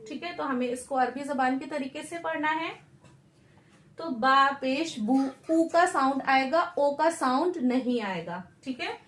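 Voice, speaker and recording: A woman teaching Quran recitation in a patient, slow lesson, asking and answering her own questions. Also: high voice, echoey room.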